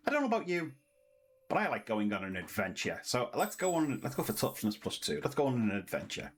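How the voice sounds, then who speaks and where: Lively chatty British man reading game text. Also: medium pitch, husky, poor audio. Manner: chatty, reads on-screen text aloud with a sing-song lilt. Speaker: gaming channel host. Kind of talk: casual let's-play commentary, reading game text aloud.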